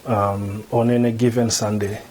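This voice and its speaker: A middle-aged man from Malawi, a theology lecturer, answering interview questions in a measured way, often repeating words as he thinks. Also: lowish voice, flat delivery, a little mellow, slight background noise. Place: indoor room before a banner.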